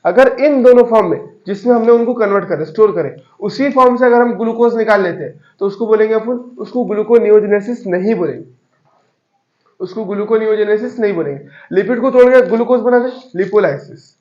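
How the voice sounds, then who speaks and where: A male teacher giving a classroom lecture, explaining slowly with homely examples and repeating key terms. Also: very high-pitched, a little mellow. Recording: echoey, dull classroom recording.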